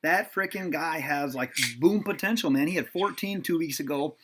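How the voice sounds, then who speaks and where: A man's voice: on the high side, moderate pace. A man hosting a sports podcast, talking casually with lots of ums and teasing his guests. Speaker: podcast host.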